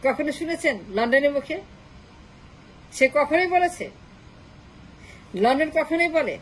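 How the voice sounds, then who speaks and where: A woman's voice: high-pitched, lively intonation, a little slow, slight background noise, low-quality recording. A woman delivering a political monologue, mocking with repeated rhetorical questions. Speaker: political commentator.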